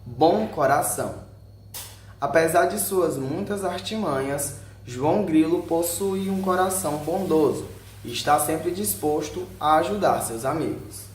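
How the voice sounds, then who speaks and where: A Brazilian man, working as a video narrator, reads a scripted narration aloud in short headed sections and sometimes stumbles over a word. His voice is fairly high and his pace measured. The recording has a roomy echo and faint background noise.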